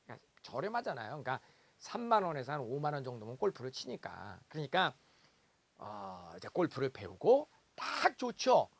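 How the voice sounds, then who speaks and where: A man giving a lively seminar lecture, telling stories and acting out the voices of parents. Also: medium pitch, normal speed, creaky, breathy edge. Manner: animated storytelling, acts out parents' voices, exclaims.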